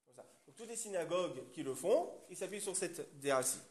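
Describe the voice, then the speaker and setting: High-voiced man teaching a class. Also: animated, brisk, a little mellow. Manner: explains step by step, often checks in with the class. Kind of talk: Torah class lecture.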